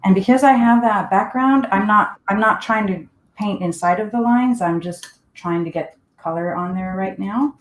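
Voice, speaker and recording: A woman from Finland with a medium-pitched voice and moderate pace teaches painting live online from her home desk. As an art teacher, she talks casually and thinks aloud while working, and the recording carries a roomy echo.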